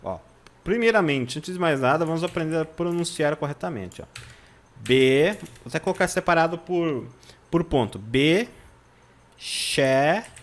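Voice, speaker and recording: A man's voice: a little high, expressive. Brazilian man drilling German pronunciation. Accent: Brazilian Portuguese. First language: Portuguese. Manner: spells out German words slowly, checks in with "tá?"; drills pronunciation, repeating words syllable by syllable. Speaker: German teacher. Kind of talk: online language lesson.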